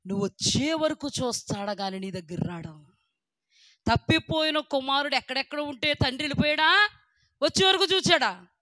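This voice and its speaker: A middle-aged woman delivers a sermon and keeps pressing her listeners with repeated questions. Her voice has a bright, forceful edge. She drops into quiet asides, then rises into loud, emphatic bursts, recorded close and dry. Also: fairly high pitch, dry recording. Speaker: preacher.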